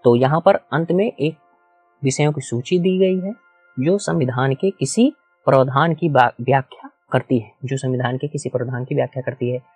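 A man's voice: mid-range voice, moderate pace, a little mellow, slightly rough, faint music behind. A man teaching a whiteboard lecture, explaining step by step, repeating key points and asking the class questions. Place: small room with a whiteboard.

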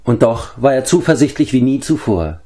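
A man calmly narrating a storybook in a measured way. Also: medium pitch. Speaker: audiobook reader.

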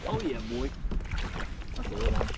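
A man's voice: medium pitch, steady tone, a little fast. A man fishing from a kayak, talking to himself and the fish in short casual bursts. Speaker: kayak angler filming his tournament day. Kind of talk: casual on-water commentary. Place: outdoors on a kayak on a lake. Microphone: action camera mounted on the kayak. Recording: distant camera mic, dull sound, loud wind.

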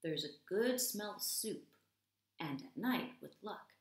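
This English teacher, also in her thirties, takes her time over an expressive picture-book reading for young children, keeping her explanations simple. Her voice sits at medium pitch, gravelly, with lively intonation. It was captured indoors in a small home room, with the roomy feel of a home video.

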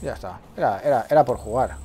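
A man, a let's play streamer giving excitable gameplay commentary and talking to himself. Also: on the low side. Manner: excitable, swears freely, talks to himself.

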